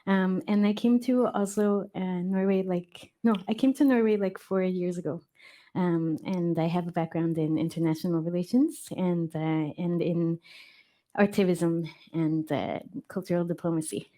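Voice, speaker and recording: A woman's voice: lowish voice, steady tone, normal speed, warm tone. A woman from Mexico, an artistic researcher talking casually on a panel, hesitant with frequent fillers.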